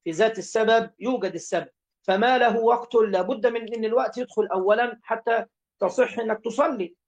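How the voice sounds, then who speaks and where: A man's voice: high-pitched, fairly quick. A man with an Egyptian accent teaching religious law, reading each line of a classical text aloud, then repeating and explaining it.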